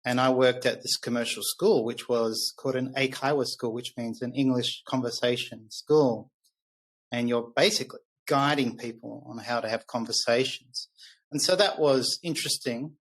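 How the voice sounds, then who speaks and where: A middle-aged Australian man, a podcast guest, tells personal stories conversationally in a candid, reflective way. His voice is mid-range and the recording is rough.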